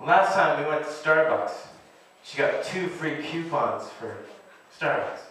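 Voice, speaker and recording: Young male stand-up, lively and high-pitched. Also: a little slow. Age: young adult. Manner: rambling, laughs at his own bits. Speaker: stand-up comedian. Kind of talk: casual stand-up comedy. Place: small club stage, indoors. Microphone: handheld stage mic, recorded by distant camera. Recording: echoey club room from far off, audience noise.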